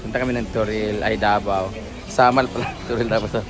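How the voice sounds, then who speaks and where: A man's voice: fairly low pitch, flat delivery, fairly quick, over music. A man with a Filipino accent chatting casually as he films a vlog. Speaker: vlogger.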